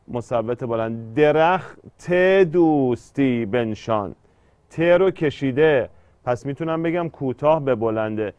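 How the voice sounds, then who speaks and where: A man's voice: medium pitch, a little mellow, dry recording, dull audio. A man teaching an exam-prep poetry lesson, explaining step by step and drawing out syllables when he scans verse.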